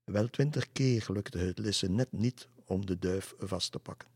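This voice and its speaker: A man reads a children's story aloud in a calm, unhurried way. His voice is very low and a little husky. The recording is close and dry, with no room sound. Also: dry recording.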